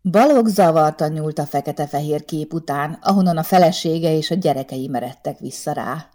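Brief: woman storyteller, low warm voice, measured expressive narration. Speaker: audiobook narrator.

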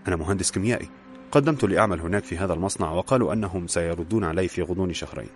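Man reading as a calm, wry young man. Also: low-pitched, rapid-fire, faint music behind, close to an everyday voice. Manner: calm, dry humor. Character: calm young unemployed male engineer.

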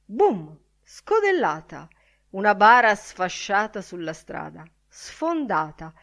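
A woman narrating a literary audiobook in a calm, varied reading. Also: medium pitch, slow pace, gravelly.

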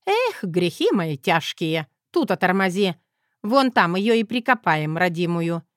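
A woman's voice: lowish voice, big pitch swings, a little slow, no echo, clean studio sound. A woman voicing a brash old grandmother who scolds and jokes sardonically. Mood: sardonic.

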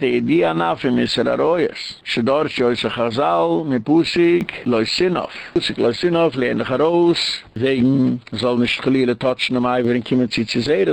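A man's voice: medium pitch, vocal fry. A man giving a religious lecture as a rabbi, in a sing-song preaching cadence.

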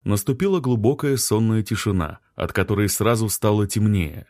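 A man narrating an audiobook in a measured, expressive manner. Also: lowish voice, dry recording, studio quality.

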